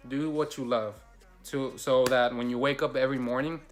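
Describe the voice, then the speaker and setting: A young man talks to new graduates as a fellow alumnus, loose and encouraging, full of casual fillers. His pitch sits in a middle range. Faint music plays under him. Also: fairly even intonation, normal speed. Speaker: school alumnus. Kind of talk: recorded graduation message.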